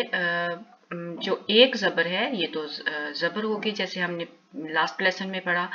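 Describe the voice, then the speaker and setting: Woman, bright voice, slow chanted drills, dull lo-fi recording. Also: medium pitch, slight background noise. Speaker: Quran reading teacher. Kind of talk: slow step-by-step recitation lesson.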